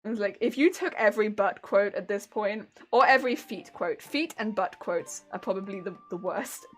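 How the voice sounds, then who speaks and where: Sewing on a craft stream, a young Hampshire woman with a southern English accent rambles chattily, giggling and laughing often. Her voice is medium-pitched and moderately paced, with faint music behind and poor audio quality.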